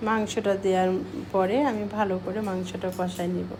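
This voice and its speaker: A middle-aged woman talks through her cooking in a slow, soft, unhurried way. A cold leaves her a little short of breath as she speaks. Her voice sits at an ordinary pitch, with a faint hiss of noise in the background. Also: little pitch movement. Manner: slow, soft-spoken explaining. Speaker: cooking vlogger. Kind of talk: casual cooking voice-over.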